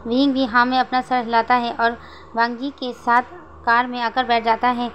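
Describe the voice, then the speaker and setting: High-voiced woman narrating a story. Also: little pitch movement, moderate pace, dull audio, slight background noise. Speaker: fan fiction narrator.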